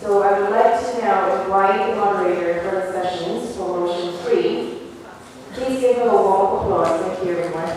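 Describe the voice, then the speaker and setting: An emcee announcing at an event in a polite, slightly halting way. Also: medium pitch, darkish tone. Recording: distant, very echoey hall with noise.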